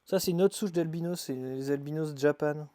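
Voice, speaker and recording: A man live-streaming as he sorts his isopod boxes, muttering asides with quick bursts of excitement. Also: on the high side, a little hiss or hum. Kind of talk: casual live-stream chat while handling animals.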